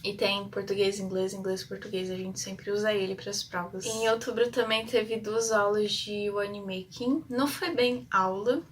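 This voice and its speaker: Young Brazilian woman, flat rambling chat. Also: mid-range voice, normal speed, few pauses, distant mic, a little hiss or hum. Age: young adult. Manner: chatty, rambling with many fillers and English terms; shy by her own account. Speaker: exchange student vlogger. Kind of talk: casual vlog storytelling.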